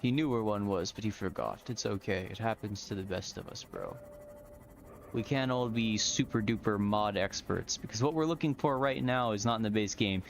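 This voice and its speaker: Low-voiced man chatting through gameplay, background noise. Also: normal speed, vocal fry. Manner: chatty, colloquial, explains as he plays. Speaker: gamer hosting a modded survival game stream. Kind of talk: casual gameplay commentary.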